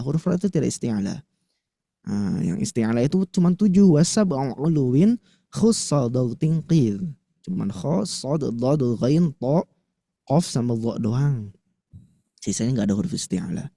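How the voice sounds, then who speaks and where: A man teaching Quran recitation to women in a lively, chatty way, slowly demonstrating letter sounds. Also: medium pitch, dry recording, studio quality. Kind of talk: tajwid lesson to women listeners.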